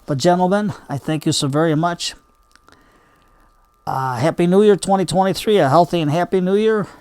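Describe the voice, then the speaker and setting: An older man with a slightly high voice talks through a hands-on demonstration in a casual, homespun way. He wanders into chatty asides as he goes. The sound is fairly dry and close. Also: moderate pace, darkish tone, smooth, dry recording. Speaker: bonsai hobby video host.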